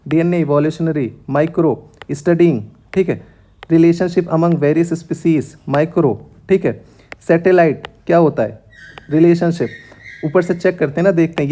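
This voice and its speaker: Dark-voiced man teaching exam tricks. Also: on the high side. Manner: quick, conversational, reads statements aloud slowly then explains. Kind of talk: informal exam strategy lesson.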